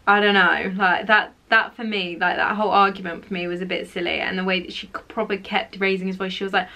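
A woman's voice: mid-range voice, flat delivery, fast talker, bright, forceful tone. A young woman chatting casually to her camera, opinionated and full of fillers. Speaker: vlogger. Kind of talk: casual chat. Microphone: camera mic.

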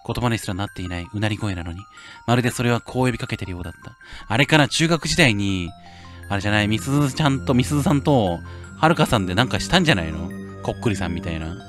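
A male game streamer playing a horror game, reading the story text softly and breaking into loud, excited outbursts between lines. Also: lowish voice, fast talker, faint music behind. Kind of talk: horror game playthrough, reading dialogue aloud with commentary.

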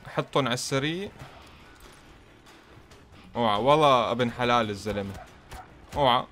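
Excitable man commentating a fighting game. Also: medium pitch, normal speed, faint music behind. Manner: excitable, teasing the opponent, talking to himself. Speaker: gaming channel host. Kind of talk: gameplay commentary.

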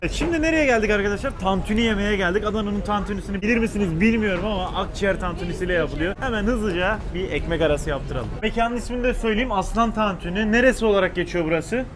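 A man's voice: sits high, quick pace, hardly any pauses. A man hosting a casual street food vlog, effusive and often echoing back what he is told. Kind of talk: casual on-location food commentary and chat. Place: outdoor street food stalls in a city. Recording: noisy street with passing traffic.

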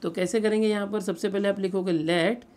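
A man teaching a maths lesson, patiently going through each step, asking rhetorical questions and reading English statements slowly word by word. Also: high-pitched, fairly even intonation, a little mellow.

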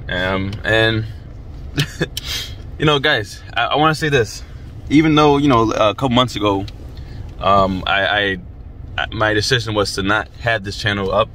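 Young male vlogger, deepish voice, cold and halting, informal talk from a car seat, slight background noise. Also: pushed and bright. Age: young adult. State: chilled by the cold. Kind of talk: casual chat to camera. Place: inside a parked car.

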